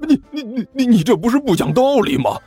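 A man's voice: very high-pitched, sing-song, fairly quick, warm tone, breathy edge, faint music behind, voice pushed up, heavily acted. A man doing a whiny sly thug boss. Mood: wheedling. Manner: wheedling, whiny. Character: sly cowardly male thug leader.

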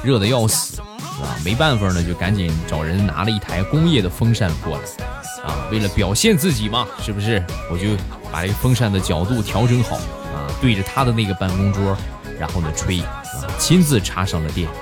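A man telling funny personal anecdotes in a casual, animated way, full of chatty fillers. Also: lowish voice, brisk. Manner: animated, colloquial northern-style banter with many 啊 fillers. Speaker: comedic storyteller. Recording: dry close mic with faint background music.

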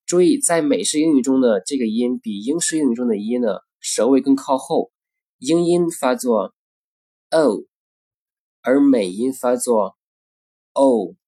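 A man teaching pronunciation, saying each example word twice in a deliberate way. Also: mid-range voice, lively intonation, dark tone, breathy edge. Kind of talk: pronunciation lesson.

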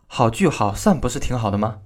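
A proud general's daughter speaks with cold scorn in a told story, voiced by a man. Her lines rise and fall in a lively way at an ordinary pitch. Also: a little fast, natural voice. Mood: scornful. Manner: cold, taunting delivery. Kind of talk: storytelling narration.

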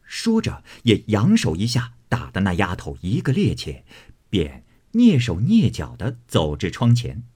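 A man giving an expressive dramatic reading of a classic novel as storyteller. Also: measured pace, breathy edge. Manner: expressive, swinging pitch.

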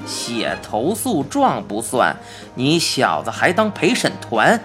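A woman voicing a brash, rough-spoken father with a Beijing accent. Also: rumbling low, huge pitch swings, slow pace, a bit bright, faint music behind, voice pushed down, heavily acted. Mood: gruff. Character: gruff blustering Beijing father.

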